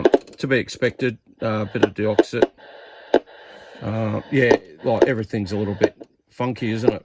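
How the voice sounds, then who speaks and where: A man with a fairly low voice gives a casual hands-on demonstration as a radio hobbyist, rambling informally and thinking out loud as he works. The recording is very noisy.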